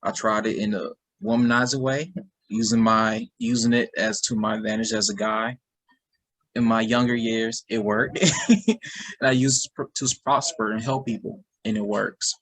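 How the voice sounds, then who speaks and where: A man's voice: lowish voice, fairly even intonation, moderate pace, a bit bright, rough recording. A man hosting a podcast interview who asks eager, rambling questions and restarts his sentences. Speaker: podcast host.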